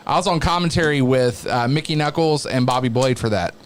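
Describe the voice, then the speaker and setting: A man who works as a wrestling announcer, chatting casually as an interview guest in a halting, reflective way. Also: mid-range voice, slight background noise.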